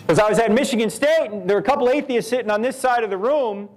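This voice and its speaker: A man giving a live lecture at a university. He talks in an animated way, asking rhetorical questions and telling stories. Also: extremely high pitch, fast. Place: university event hall.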